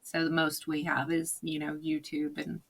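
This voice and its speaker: A woman's voice: low voice, monotone, moderate pace, gravelly, breathy edge. A woman guest on a podcast, chatting in a good-humored, easygoing way. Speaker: podcast guest, nutrition expert. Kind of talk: casual interview chat.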